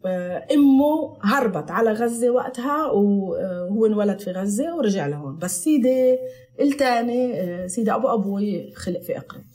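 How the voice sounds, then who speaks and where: A woman's voice: mid-range voice, animated, brisk, darkish tone. A woman with a Palestinian Arabic accent chatting casually as an interview guest, dropping foreign words into her Arabic. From Palestinian from the Galilee. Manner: mixes English and Italian words into Arabic. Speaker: podcast guest.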